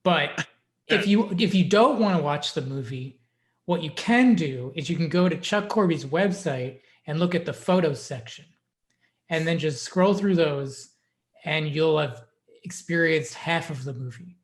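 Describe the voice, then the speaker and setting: A man co-hosting a podcast, chatting casually with frequent laughs and halting restarts. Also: on the high side. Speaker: podcast co-host. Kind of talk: casual chat.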